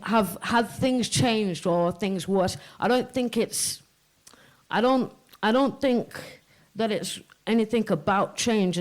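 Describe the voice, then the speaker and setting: A woman's voice: medium pitch, low-quality recording. A woman poet from Kashmir, a guest at a live event before an audience, talking candidly and bluntly and swearing freely. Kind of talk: candid live stage chat.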